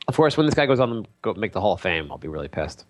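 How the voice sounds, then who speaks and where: A man's voice: low voice, big pitch swings, racing. A man co-hosting a podcast, chatting casually about basketball with a sarcastic, jokey manner. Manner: sarcastic, jokey, acts out quotes. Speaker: podcast co-host. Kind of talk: casual sports chat.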